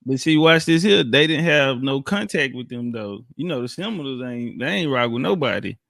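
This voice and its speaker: A man's voice: medium pitch, animated, a little fast, vocal fry, a bit bright, no room sound. A man from Alabama, a guest in a casual talk, speaking in slang with many hesitations. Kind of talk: casual discussion. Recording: dry close recording.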